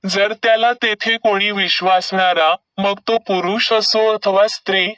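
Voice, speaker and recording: Male narrator, scripture reading: slow and measured, bright crisp tone, dry and distant. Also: sits high, no room sound. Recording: dull recording from a distance.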